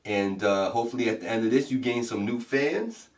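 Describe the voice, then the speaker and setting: A man hosting a casual interview show, hyping the viewers with shout-outs and laid-back banter. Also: medium pitch, fairly quick, distant mic. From Puerto Rican family. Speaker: host. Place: studio in Beacon, New York.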